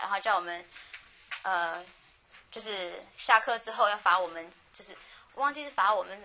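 In a frank, chatty personal testimony, a woman relates her life story with many restarts. She has a Taiwanese Mandarin accent and a bright, forceful voice of medium pitch, and the telling feels like casual storytelling.

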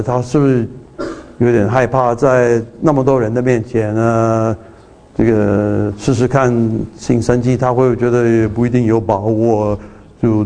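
A man's voice: mid-range voice, a little mellow. A man preaching a sermon in a conversational way, full of restarts and rhetorical questions, slipping English phrases into his talk.

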